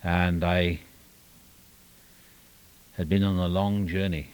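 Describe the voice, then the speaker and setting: Slow, level and deep, with a darkish yet clean tone, an older man from Wales recounts his experience at a recovery meeting in a meeting room. His talk meanders with self-deprecating wit, false starts and asides that fade out.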